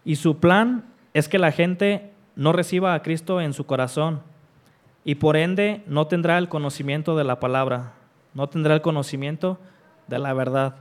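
A man delivering a sermon, his voice pitched a little high and smooth, with a clean, resonant tone. He drives home each repeated refrain with rising force. When he reads scripture, he slows into deliberate, measured pauses. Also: fairly even intonation. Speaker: preacher.

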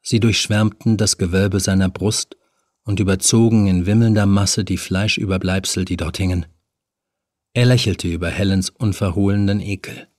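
A man narrating a horror audiobook in a measured, even storytelling manner. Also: low voice, no echo, studio quality.

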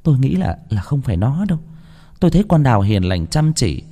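A man voicing a gentle, meek older wife who speaks softly and hesitantly in a ghost story. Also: medium pitch, sing-song, voice pushed up. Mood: meek, soothing. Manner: soft, hesitant, halting. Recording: long hall reverb.

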